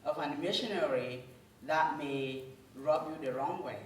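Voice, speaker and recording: A woman speaks earnestly to a church group, pausing often between phrases. Her voice comes from well away from the mic. It rings through a very echoey room over a faint hiss. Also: sits low. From Cameroon. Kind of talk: informal talk to a church group. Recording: roomy hall audio from a distant mic with faint noise.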